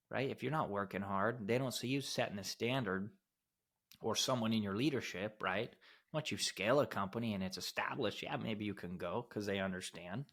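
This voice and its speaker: A podcast co-host who owns a steel fabrication company speaks bluntly and emphatically, with some casual swearing. His voice is fairly low in pitch and a bit bright.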